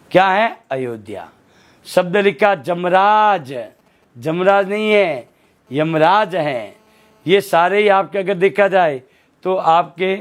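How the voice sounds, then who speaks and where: A man teaching a Hindi spelling lesson for exam students, often asking a question and answering it himself. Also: high-pitched. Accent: Rajasthani Hindi. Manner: asks questions and answers them himself, repeats words slowly. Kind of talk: classroom lesson, quizzing the viewer.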